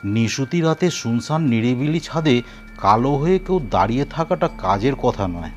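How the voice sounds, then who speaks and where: A man's voice: mid-range voice, expressive, normal speed, darkish tone, muffled recording. A man narrating a horror story expressively, acting out his own lines. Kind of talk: dramatic horror story reading. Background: faint music.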